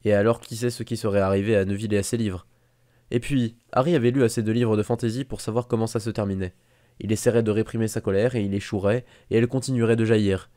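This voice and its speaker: A man reads a fan audiobook aloud in a steady, measured way. His voice is low and mellow, and the recording is dry and close with no room sound. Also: no room sound. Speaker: audiobook reader.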